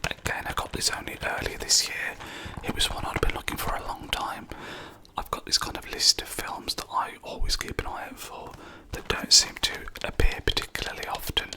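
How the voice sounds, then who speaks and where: An adult ASMR creator talking in a soft, unhurried whisper, often pausing on "um" and "yeah". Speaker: ASMR creator reviewing own film collection.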